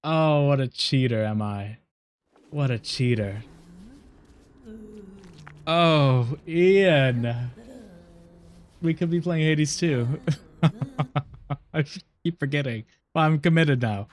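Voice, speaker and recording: A man's voice: on the high side, slow, long pauses. A man streaming a game, chatting casually to himself, laughing often and repeating words when frustrated. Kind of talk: casual live gameplay commentary.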